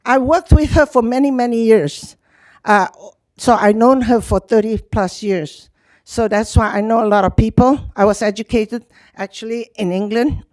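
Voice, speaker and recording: Addressing a public city meeting, this older nonprofit youth program leader, born in Hong Kong and raised in Indonesia, is chatty and lively, laughing frequently. Her voice sits at an ordinary pitch, recorded dry and close without echo.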